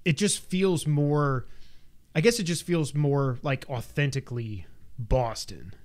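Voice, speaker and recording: A man's voice: a little high, a little slow. A man co-hosting a podcast, chatting casually and enthusiastically. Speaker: podcast co-host. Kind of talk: casual chat.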